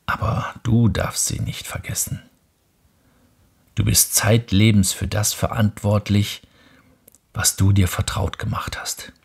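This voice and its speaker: A wise, calm fox giving quiet counsel, as a man reading aloud puts him on. The voice is whispery and husky with a gravelly edge, a storybook creature at bedtime. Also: lowish voice, slow, full character voice.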